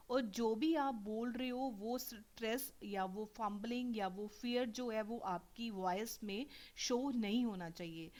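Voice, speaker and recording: A young woman teacher patiently explaining exam technique to her students in a tutorial. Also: medium pitch. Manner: patient, instructive, addresses students directly.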